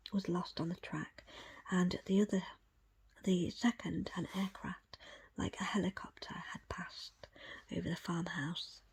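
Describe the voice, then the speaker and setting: An audiobook reader narrates a book as ASMR in a breathy, unvoiced whisper that sits on the low side. Her phrasing is hushed and deliberate, delivered in short pieces.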